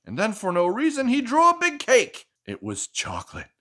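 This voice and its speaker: High and sharp, with wildly swooping pitch at a moderate pace, his voice carries a children's storytime. He reads a picture book expressively to a child, keeps the mood playful with chatty asides, and asks questions, echoing each answer.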